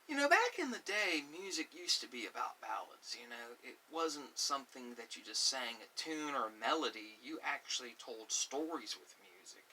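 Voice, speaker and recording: His voice is on the high side, bright and forceful. As the host of an ASMR channel, he rambles loosely about music, opinionated and musing, wandering into asides, all captured by a distant, hissy microphone.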